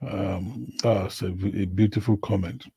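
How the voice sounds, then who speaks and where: Male football vlogger, gravelly and unhurried, self-answering rhetorical questions, dry close sound. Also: low-pitched, fairly even intonation, warm tone, no room sound. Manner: asks rhetorical "what?" questions and answers them himself; repeats words and phrases, with many fillers. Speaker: football vlogger reading viewer comments. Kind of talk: casual live commentary.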